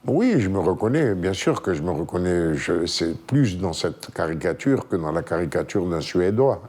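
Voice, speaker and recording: A man with a Pied-Noir accent speaking in an amused, deliberate way. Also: deep voice, sing-song, darkish tone.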